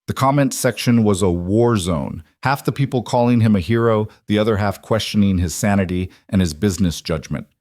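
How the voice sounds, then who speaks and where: A man reading a dramatic story as its narrator in an even, measured way. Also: on the low side, dry recording, clean studio sound. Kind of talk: scripted narration.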